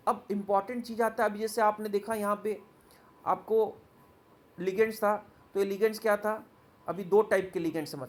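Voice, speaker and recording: A man teaching a chemistry lesson, reading English points from slides and then explaining them in Hindi, often asking the class quick questions. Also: sits high.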